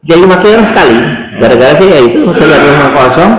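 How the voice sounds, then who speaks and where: A man as an interview guest, telling his story in an earnest, devout, soft and steady way. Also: on the high side, racing, crowd noise. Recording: roomy echo.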